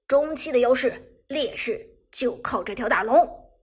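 Lady reading as a pumped-up guy shoutcasting a game match in a storybook, breathy voice, pitched up, loud hype. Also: animated, unhurried, exaggerated voice. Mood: excited. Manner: loud, hyped play-by-play.

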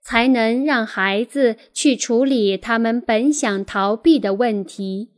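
Slow, calm woman reading an audiobook. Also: on the high side. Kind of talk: audiobook reading of a parenting book.

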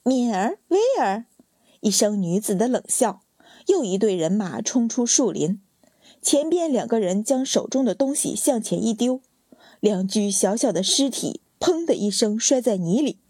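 A woman reading a story aloud as narrator, with an even, storytelling delivery. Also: mid-range voice, normal speed, slightly rough, no echo. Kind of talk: audiobook narration of a palace drama.

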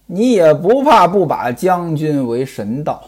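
A man talking through an old novel in a chatty, storyteller's way, his pitch a bit high and swinging widely. He tosses questions to himself and answers them, and his voice has a husky grain. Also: big pitch swings, measured pace, darkish tone. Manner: conversational, asks and answers his own questions; digresses into personal anecdotes. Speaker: explainer of a classic novel.

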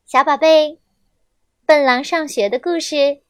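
A young woman reading a children's story aloud, gentle and expressive, on a close mic. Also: high-pitched, unhurried, no room sound.

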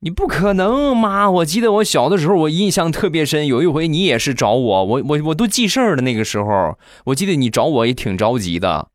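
A man's voice: a little high, very animated, brisk, few pauses, dry recording, studio quality, voice pushed up. A man playing a wounded, pleading grown son. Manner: earnest, pleading.

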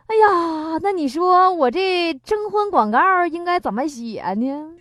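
A woman's voice: very high voice, animated, measured pace, a bit bright. A woman hosting a radio comedy monologue, chatty, laughing often and acting out quotes. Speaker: comedy show host. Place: radio studio.

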